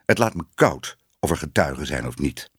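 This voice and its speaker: A man's voice: extremely low pitch, lively intonation, moderate pace, a bit bright, slightly rough, dry recording, clean studio sound, pitched below the performer's own voice, heavily acted. A man reading a storybook and voicing a determined young male reporter. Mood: resolute.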